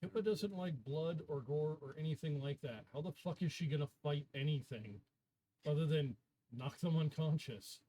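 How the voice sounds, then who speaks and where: A man's voice: on the high side, normal speed, dark tone, low-quality recording. A man chatting casually as a player at a tabletop game, blunt and joking, swearing casually.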